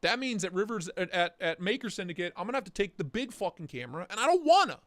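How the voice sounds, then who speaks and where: A young livestream host talks casually in a hoarse, fading voice that sits high, with a fairly bright tone and pitch jumping everywhere. Very animated, he curses and slips into quick mock voices, and the sound is dry and close with no room echo.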